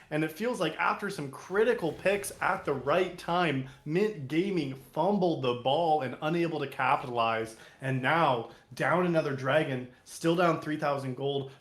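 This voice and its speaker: Analytical male esports color caster, echoey. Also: a little high. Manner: analytical, critical of team decisions. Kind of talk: color commentary.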